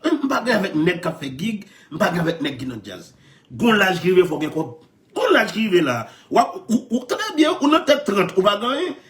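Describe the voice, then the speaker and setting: A man with a Haitian Creole accent telling stories in animated chat, laughing often and repeating his phrases. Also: high-pitched, a little fast.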